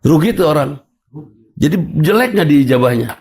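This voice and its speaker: An Islamic preacher with a Sundanese accent delivers a sermon full of humorous stories, mixing in local words. His voice sits on the high side, gravelly and darkish, with lively intonation at a normal speed.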